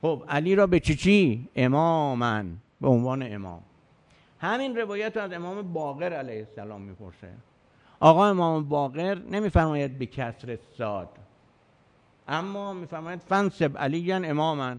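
A man's voice: fairly high pitch, very animated, a little mellow. Emphatic man lecturing on scripture. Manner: emphatic, counts points aloud; argumentative, rhetorical questions. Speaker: religious lecturer. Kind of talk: religious lecture.

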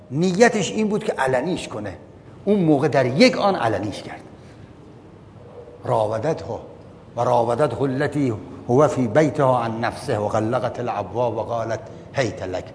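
A man giving a religious lecture. He reads out Arabic passages, explains them line by line and keeps asking his listeners questions. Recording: long hall reverb with faint rumble.

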